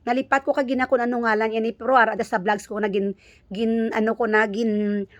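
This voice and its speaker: A woman with a Filipino accent chatting casually to her viewers as a vlogger, often halting and repeating words as she searches for the next one. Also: a little high, flat delivery, dry recording, highs cut off. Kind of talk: casual vlog chat to viewers.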